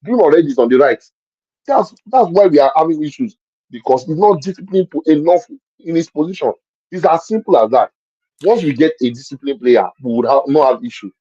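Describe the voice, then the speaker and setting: A man breaks down a football match in casual conversation, pressing each point again and again. His voice is mellow and a little husky, dry, and sits on a muffled lo-fi stream. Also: fairly high pitch, animated, a little fast, dry recording. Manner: emphatic, repeats points, explains with examples. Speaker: football pundit. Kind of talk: casual match-review chat.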